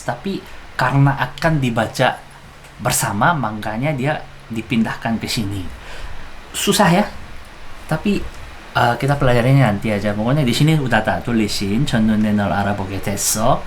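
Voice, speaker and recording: A teacher walks through Korean syllables one by one at a very unhurried pace. The delivery is casual and chatty, with careful spelled-out sounds. A faint background hiss sits under the voice. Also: mid-range voice, rough recording. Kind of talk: casual lesson explaining song lyrics.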